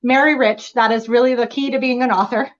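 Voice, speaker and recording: A woman's voice: on the high side, fairly even intonation, fast talker. Wry young woman on a dull line. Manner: wry, joking, candid. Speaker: guest author. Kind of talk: casual interview chat. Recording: dull lo-fi video call audio.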